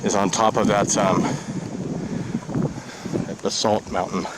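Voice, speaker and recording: A man vlogging while climbing a steep hill outdoors, short of breath, talking in halting bits with pauses as he thinks aloud. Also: lowish voice, level tone. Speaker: vlogger exploring ruins. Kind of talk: hiking vlog narration. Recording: outdoor wind and ambient noise.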